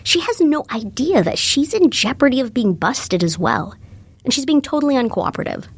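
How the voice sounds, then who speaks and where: A woman's voice: sits high, very animated, moderate pace, husky. A woman hosting a podcast, reading scripted narration in a wry, matter-of-fact way. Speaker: host.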